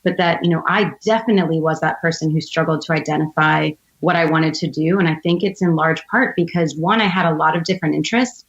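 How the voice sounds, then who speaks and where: An American entrepreneur in her thirties from outside Philadelphia appears as a podcast guest, telling personal stories in an articulate, reflective, conversational manner. Her voice is lowish, and the recording sounds muffled.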